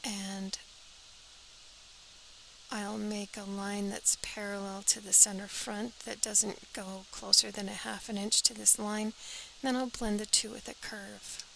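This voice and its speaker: Gravelly bright woman teaching pattern drafting. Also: medium pitch, little pitch movement, a little slow, slight background noise, poor audio. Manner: practical, talks while drafting, often drops to an airy half-whisper. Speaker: sewing pattern instructor. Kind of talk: step-by-step pattern drafting tutorial.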